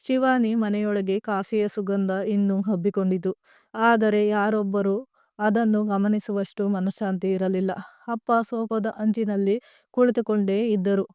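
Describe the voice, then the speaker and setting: A woman narrating a family drama story in a gentle, even reading voice, with a few restarts. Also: mid-range voice, measured pace, smooth, no room sound.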